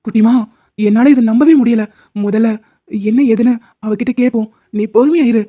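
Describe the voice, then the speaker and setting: A fairly high voice for a young man, as a woman dubs him in a cartoon romance, calm and firm, soothing others in a steady tone. The sound is dull and lo-fi. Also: normal speed, close to an everyday voice. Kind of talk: Tamil cartoon dubbing. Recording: dull lo-fi recording.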